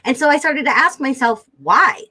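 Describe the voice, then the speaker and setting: Woman, sales coach guest, emphatic, piles up words, lively intonation, highish voice. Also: moderate pace, rough recording. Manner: emphatic, builds lists of words. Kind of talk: animated interview talk.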